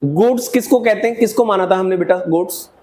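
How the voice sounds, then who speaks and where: A man's voice: high-pitched, a little fast, a little mellow. A male accountancy teacher giving a classroom lecture, asking his students questions, answering them himself, and calling them "beta" as he mixes English accounting terms into his talk.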